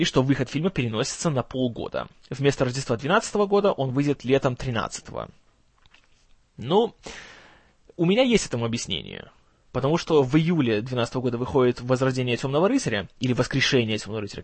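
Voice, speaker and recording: Quick-paced and expressive, this male film news host delivers casual commentary in a strained, tired voice he can't raise above low volume. He sounds gloomy, wry and sarcastic, tripping over words now and then, with no room sound.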